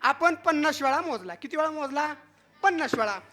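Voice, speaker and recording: A man's voice: very high-pitched, expressive, moderate pace, bright, forceful tone. A man giving a devotional kirtan discourse, playfully quizzing the crowd in call and response. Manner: playful teasing with the audience. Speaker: kirtan preacher.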